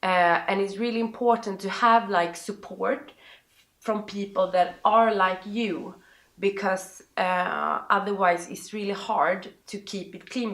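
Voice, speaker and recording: A woman with a Swedish accent, a native Swedish speaker, gives personal advice as an interview guest, haltingly searching for words. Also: mid-range voice, fairly bright tone. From Sweden. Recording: roomy, echoing sound.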